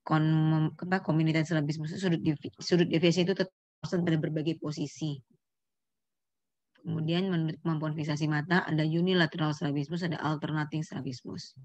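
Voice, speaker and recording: Low-voiced woman giving a medical lecture. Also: steady tone, fairly quick, darkish tone, dry recording. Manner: explanatory, quizzes students, corrects herself mid-phrase. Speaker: neurology lecturer. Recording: dull lo-fi lecture recording.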